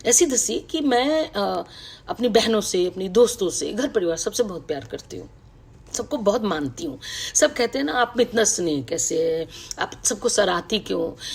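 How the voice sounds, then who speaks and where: A middle-aged woman, a writer, recalling her past in a reflective, personal talk on a video call, with many pauses and fillers. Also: medium pitch, gravelly, husky. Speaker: writer speaking to an online audience. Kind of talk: personal reminiscence, casual talk.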